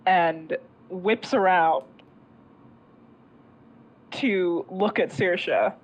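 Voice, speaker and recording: A woman player improvising narration of her character's actions in a fantasy game, halting, informal and dramatic. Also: fairly low pitch, low-quality recording.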